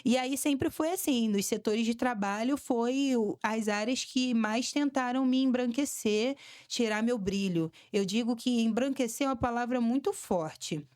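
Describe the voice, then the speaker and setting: A young woman from Brazil talks openly as a podcast guest, her voice sitting a little high for a woman. She tells her stories with animation, slipping into the voices of people she quotes along the way. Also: unhurried, few pauses, darkish tone. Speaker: podcast guest, samba dancer and influencer. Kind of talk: candid interview talk.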